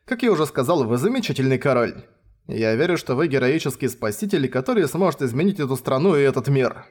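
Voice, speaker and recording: Sly cheery spy guy, read by a man, calm and amused, storybook audiobook. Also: mid-range voice, fast. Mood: reassuring. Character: scheming young male spy, cheerful.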